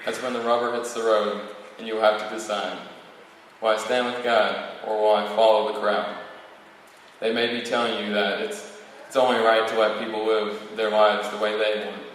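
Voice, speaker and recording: An approximately eighteen-year-old student valedictorian delivers his prepared speech from a podium to an audience, stumbling now and then. His voice is on the low side and a bit bright, with little pitch movement and a moderate pace. A distant mic in a very echoey hall picks up faint noise.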